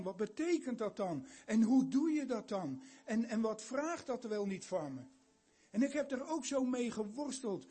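A man's voice: high voice, dark tone, breathy edge. An older man giving an earnest sermon, asking his listeners many questions. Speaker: preacher.

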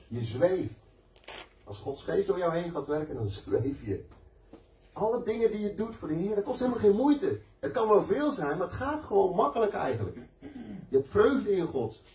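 Male preacher, conversational sermon with testimony, warm tone, roomy echo. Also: sits high, sing-song, normal speed. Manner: storytelling, conversational and emphatic. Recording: echoey room, mic at a distance.

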